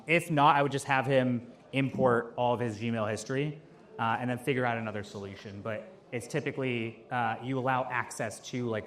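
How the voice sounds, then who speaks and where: A young man answering questions at a live event, talking casually with lots of "like" and "um". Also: mid-range voice. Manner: casual, filler-heavy, lots of "like". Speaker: AI consultant on stage. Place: office event space with audience.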